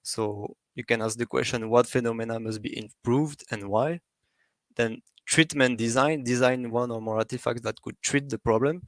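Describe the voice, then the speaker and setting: A man presenting an academic topic, pausing often with fillers and restarting his sentences. His voice sits at an ordinary middle pitch. The recording is dry and close, with little room sound. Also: fairly even intonation, no echo. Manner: halting, with many fillers and restarts.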